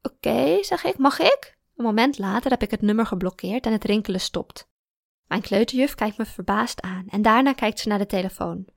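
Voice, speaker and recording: A woman reading a first-person story aloud in a calm, even storytelling manner. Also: medium pitch, fairly quick, no echo, studio quality. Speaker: narrator.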